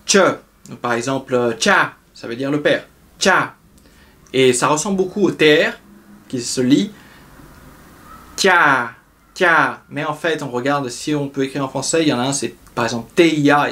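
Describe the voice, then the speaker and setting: A man's voice: mid-range voice, a bit bright. A young man teaching a pronunciation lesson, patiently explaining each sound and repeating it several times. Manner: explains slowly, repeating sounds and drawing them out. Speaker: language teacher.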